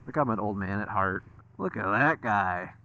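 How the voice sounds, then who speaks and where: A man's voice: fairly low pitch, lively intonation, normal speed, bright, forceful tone, dull audio, a little hiss or hum. American man chatting casually on a motorcycle. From American Midwest. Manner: rambling, casually profane. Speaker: motorcycle vlogger. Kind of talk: casual chat while riding. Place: outdoors, riding a motorcycle.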